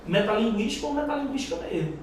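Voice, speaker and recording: Brazilian guy teaching a live class, high voice, super echoey room from far off, slangy and punchy. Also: animated, fast talker. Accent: Brazilian Portuguese. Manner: quizzing, emphatic, slangy. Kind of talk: exam-prep live class. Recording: echoey room, far mic, faint noise.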